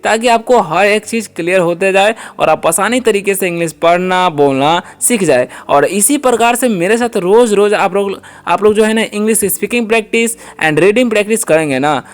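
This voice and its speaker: A man's voice: sits high, normal speed. A man teaching a beginners' spoken English lesson, explaining word by word and asking and answering his own questions. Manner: often adds "ठीक है" checks.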